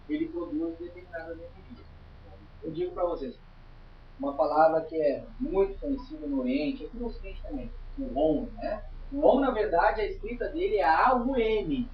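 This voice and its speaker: A man's voice: sits high, recorded from a distance, slight background noise. A man teaching a spiritualist study group in an informal lecture, chatty and emphatic, often checking in with his listeners. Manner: chatty, emphatic, tags lines with "tá?". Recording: roomy, dull lo-fi room recording.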